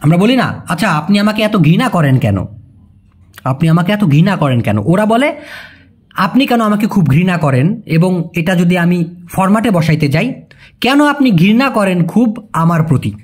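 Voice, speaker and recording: Lively, husky language teacher. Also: medium pitch. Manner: colloquial, repeats example phrases slowly. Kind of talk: language lesson.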